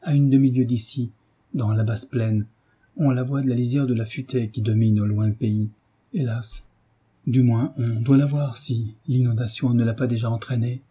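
A man's voice: medium pitch, fairly even intonation, moderate pace, warm tone, slightly rough, lightly acted. A man reading the part of an anxious, devout lady of the house, fervent and pleading. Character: devout, anxious noble mother.

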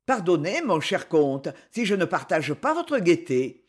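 A man's voice: fairly high pitch, sing-song, unhurried. A man reading as a polite, earnest count. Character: earnest middle-aged male count, polite and worried.

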